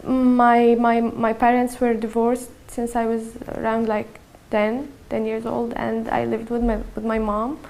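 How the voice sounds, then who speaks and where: In a personal testimony to camera, a soft-spoken Syrian activist in her early twenties, Arabic being her first language, shares her story. Her gravelly voice is a little high and completely flat in delivery, with frequent halts, fillers and restarts.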